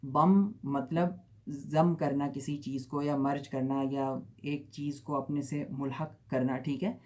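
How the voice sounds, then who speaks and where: A man's voice: on the high side, a little mellow. A man teaching an Arabic pronunciation lesson, who stretches out each model sound and keeps checking "theek hai?" with his learners.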